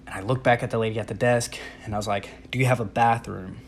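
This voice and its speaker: A young, fast-talking man with a lowish voice tells a comic story about himself, animated and casual, mocking himself and acting out his reactions, with slight background noise.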